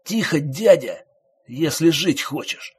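A man voicing a menacing young train thief who threatens in a hoarse whisper, in an audiobook. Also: a little high, animated, slow, voice pushed up, heavily acted. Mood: hissing threat.

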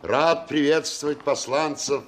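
An actor playing a pious, commanding middle-aged general, solemn and theatrical, with grand, unhurried courtesy. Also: male voice, fairly high pitch, lightly acted. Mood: smoothly courteous. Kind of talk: dramatic screen acting.

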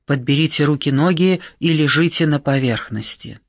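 A commanding male expedition guide, as a male audiobook narrator puts him on, giving steady, urgent orders in a slightly raised voice. His tone stays firm and controlled, and the read is close and dry. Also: on the high side, normal speed, no echo, natural voice.

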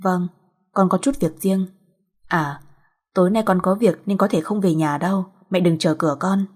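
A woman's voice: on the low side, moderate pace, husky. A woman voicing a curt, evasive young man brushing off his mother's questions. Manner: brief, dismissive.

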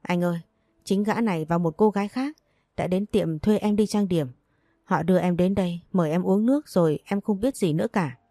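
A furious young wife, wronged and desperate, firing off accusations at high speed, as a woman reading the audiobook puts her on. The voice stays low and mellow under the anger, in a dry, close recording. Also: no room sound, close to an everyday voice. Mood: pleading. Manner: rapid, shouting accusations.

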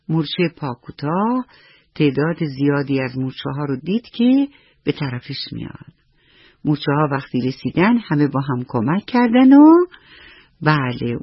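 A woman's voice: deep voice, husky, dry recording. A woman telling a bedtime story to children on the radio, tenderly addressing her little listeners. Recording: dull lo-fi radio with soft music.

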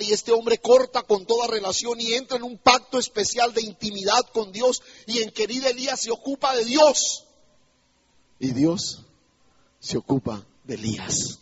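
A man's voice: high voice, breathy edge, muffled recording. A male pastor preaching an emphatic sermon in a church, putting rhetorical questions to the congregation.

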